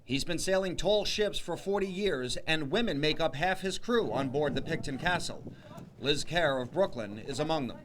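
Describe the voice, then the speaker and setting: A television news reporter with a fairly bright, higher-pitched voice delivers live stand-ups and scripted packages in an emphatic, punchy, animated way at a moderate pace. There's a slight hiss or hum on the audio.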